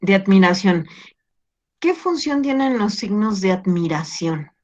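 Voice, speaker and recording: A woman teacher reviewing an exam with her class over a video call, patient and gently teasing as she questions students. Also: mid-range voice, expressive, a little slow, highs cut off.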